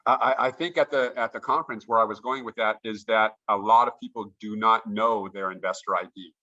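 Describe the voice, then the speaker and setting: Bright-voiced, eager man on a lo-fi call. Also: fairly low pitch, steady tone, a little fast. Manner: enthusiastic, with frequent restarts. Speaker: guest note investor. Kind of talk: casual interview chat.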